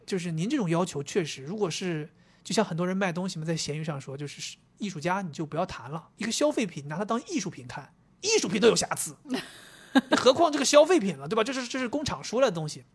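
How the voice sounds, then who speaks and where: A man's voice: high-pitched, fast talker, breathy edge. A man co-hosting a casual chat podcast, telling stories with animation and acting out both sides of a conversation. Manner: animated storyteller, acts out dialogue. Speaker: podcast co-host.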